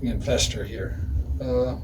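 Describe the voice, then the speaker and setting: A man's voice: mid-range voice, fairly even intonation, a little slow, distant mic, background noise. A man in his forties giving a casual, rambling music review, full of "uh"s and "anywho"s.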